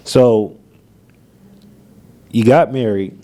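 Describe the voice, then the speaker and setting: A man's voice: medium pitch, very slow, dark tone. A man from California hosting a podcast, talking in a laid-back, casual way, swearing freely and laughing often. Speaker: podcast host.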